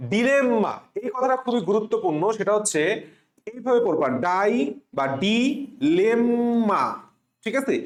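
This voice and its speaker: Guy with a high voice running a spelling lesson, repeats words over and over, roomy echo. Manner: drills words slowly, letter by letter, asking students to repeat. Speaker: spelling tutor for medical admission students. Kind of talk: classroom-style exam lesson. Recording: echoey room.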